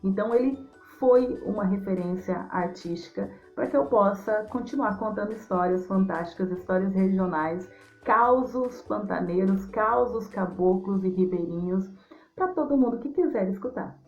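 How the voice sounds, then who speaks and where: A woman's voice: mid-range voice, normal speed, a little mellow. A Brazilian woman from Mato Grosso do Sul, a storyteller and writer, answering interview questions for young listeners in an affectionate, effusive way. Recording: dull lo-fi sound with music.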